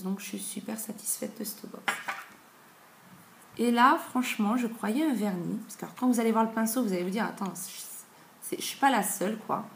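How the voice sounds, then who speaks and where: A woman in her thirties talks through beauty products in a relaxed, chatty way and often pauses on fillers. Her voice sits at a middle pitch. It is recorded on a camera mic in an echoey room at home, with faint noise behind her. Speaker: beauty vlogger. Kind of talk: casual product review.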